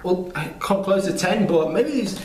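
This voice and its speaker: A man's voice: high voice, animated, moderate pace, slight background noise. A young man chatting casually to the camera as a vlogger. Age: young adult. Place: small apartment living room, indoors. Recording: roomy echo.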